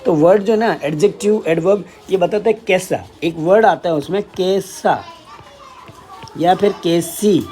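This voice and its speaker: A man's voice: sits high, a little slow, warm tone, soft background music. A man teaching an English grammar lesson in Hindi, explaining step by step and often checking with "ठीक है".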